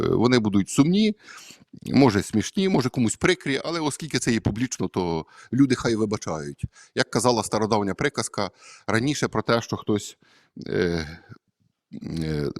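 Low-voiced priest giving a chatty homily. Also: male voice, gravelly, dry recording, studio quality. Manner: conversational, hesitant with many fillers.

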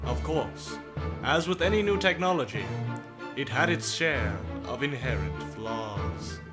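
Over loud music, a man with a medium-pitched, animated voice takes his time as he performs a stern, theatrical WWI flight instructor. The delivery is pompous and old-fashioned in wording, evoking a vintage military training film.

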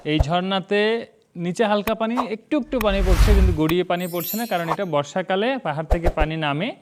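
A man's voice: sits high, a little fast, background noise. A man giving a travel vlog tour outdoors, his voice echoing off the hills on both sides. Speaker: travel vlogger. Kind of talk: guided tour narration to viewers. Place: outdoors in a ravine between hills.

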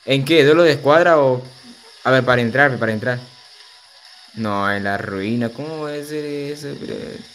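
A man's voice: medium pitch, normal speed, fairly bright tone, a little hiss or hum. Young male gamer streaming, slangy and laughing. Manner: loose, slangy, reads chat aloud and laughs often. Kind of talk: casual livestream chat while gaming. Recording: faint music behind.

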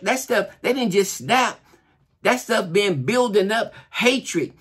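A man's voice: sits high, a bit bright. A middle-aged man giving an earnest, informal sermon, exhorting and repeating key phrases for emphasis. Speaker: preacher, church elder. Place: small furnished living room, indoors.

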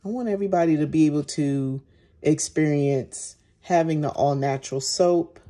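Female maker-host, deep and soft-edged, talking casually through handiwork at an easy pace. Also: normal speed. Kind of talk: casual narration while demonstrating. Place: indoors at home, at a work table.

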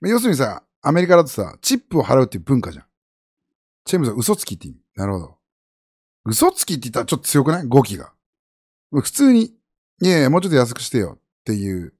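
Man streamer, casual chat, quick delivery, huge pitch swings, slightly husky voice. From Japan. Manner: rambling, animated, jumps between high and low pitch.

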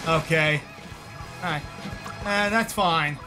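With game music playing, a twenty-something streamer offers casual commentary to his chat in a slow voice on the high side. He tends to ramble and repeat himself, now and then snapping into brief frustration.

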